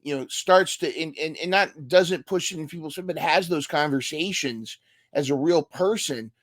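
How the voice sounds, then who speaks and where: Man hosting a chatty interview, higher-voiced. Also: normal speed, fairly bright tone, no echo, studio quality. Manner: thinks aloud, repeating and restarting words. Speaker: podcast host. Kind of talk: casual conversational interview.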